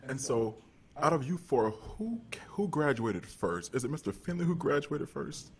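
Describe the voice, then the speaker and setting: Young student host, husky, lively, polite interviewer. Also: male voice, on the high side, a little slow. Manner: polite, warm laughter, deferential. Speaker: student talk show host.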